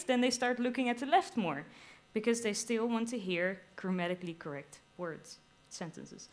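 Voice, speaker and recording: A young adult woman presents her research on stage at a science slam. She explains with enthusiasm and drops playful quoted asides. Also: a little high. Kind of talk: lively explanatory stage talk. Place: live stage at a theater venue.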